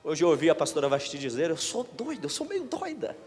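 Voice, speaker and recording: A man preaching a Pentecostal sermon as pastor, emphatic, swinging between shouted declarations and hushed asides. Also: a little high, wildly swooping pitch, a little fast, big-room sound. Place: church.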